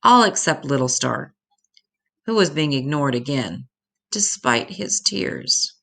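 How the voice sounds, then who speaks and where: Reading a children's picture book slowly, a woman uses a low, gravelly voice with creak at its edges. Her delivery is expressive, in true storybook fashion.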